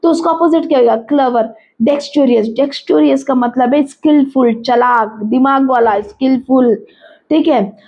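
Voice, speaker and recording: A woman's voice: high-pitched, normal speed. A woman teaching an exam-prep vocabulary lesson, explaining each word with everyday examples and frequent "right?" checks. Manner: explains words with everyday examples, repeats terms, asks rhetorical checks. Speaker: English teacher. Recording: slightly dull lo-fi audio.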